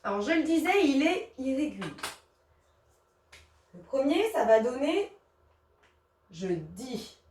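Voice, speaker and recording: A woman teaches young children a grammar lesson, patient and encouraging as she spells words out letter by letter. Her high voice swings up and down in a lively sing-song. It rings in a roomy space, picked up from a little way off the mic. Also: unhurried, pauses often, far from the mic, slight background noise.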